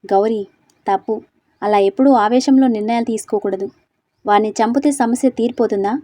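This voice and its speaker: A woman voicing a calm, principled young male college student in a storybook reading, steady and gently persuasive. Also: fairly high pitch, a little fast, dry recording, close to an everyday voice.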